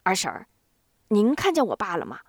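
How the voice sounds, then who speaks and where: Lady doing a smooth-talking nervous young guy, bouncy lively voice, dry sound. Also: medium pitch, no room sound. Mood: glib. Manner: slick, fast, defensive. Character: glib, jittery young man.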